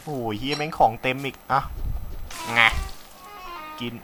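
A man's voice: medium pitch, fairly even intonation, measured pace, a bit bright. A young man casually commenting as he plays a game, chatty with viewers, swearing freely and talking with a slight cold. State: has a cold. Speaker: gaming commentator. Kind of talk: casual let's play commentary. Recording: faint game music behind.

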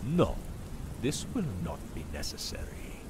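Count Dracula, suave, slow and sinister. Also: male voice, lowish voice, wildly swooping pitch, noisy background. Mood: cold, commanding. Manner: theatrical, condescending, drawn-out delivery. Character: suave, sinister aristocratic male vampire count. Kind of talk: audio drama acting. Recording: music under the voice.

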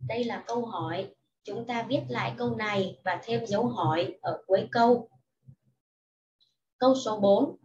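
A woman teaching young children English in a slow, patient lesson, reading each sentence and explaining it in Vietnamese. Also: mid-range voice, darkish tone, far from the mic, muffled recording. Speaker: primary school English teacher.

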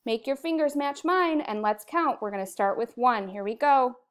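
A woman in her thirties with an American accent, teaching young children in a kindergarten teacher voice, with simple encouraging phrases and clear counting. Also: high-pitched, animated, moderate pace. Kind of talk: slow instructional lesson to young children. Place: indoor room, recorded video lesson at a computer.

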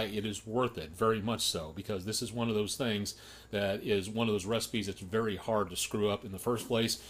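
Chatty man with a low voice. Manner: chatty, repetitive, folksy. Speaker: home cook. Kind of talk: casual cooking vlog.

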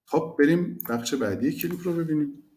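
A man's voice: fairly high pitch, a little mellow. A man teaching a language lesson, explaining phrases animatedly and repeating the key words.

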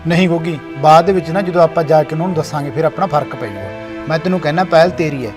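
A man's voice: a little high, fast, lightly acted. A man acting an elder brother who insistently reasons with his family to settle a household quarrel. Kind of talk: family comedy skit acting. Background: music.

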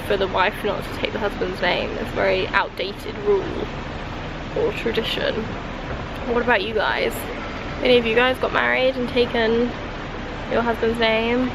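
A British woman in her twenties, honeymooning, vlogs outdoors at a resort beside and in an open-air pool, talking casually to a handheld camera held at arm's length. Her voice is fairly high with a flat delivery, moderate pace, and vocal fry. The noisy outdoor holiday audio sounds like typical camera sound.

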